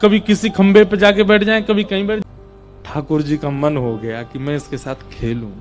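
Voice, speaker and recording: A man narrating a devotional story in an expressive, reverent way. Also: fairly high pitch, moderate pace, soft background music.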